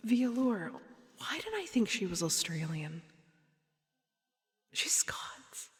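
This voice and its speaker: A woman's voice: mid-range voice, big pitch swings, slow pace, long reverb tail. A woman streamer in whispered ASMR chat, mostly whispering and chatty, with sudden startled outbursts. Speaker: VTuber streamer.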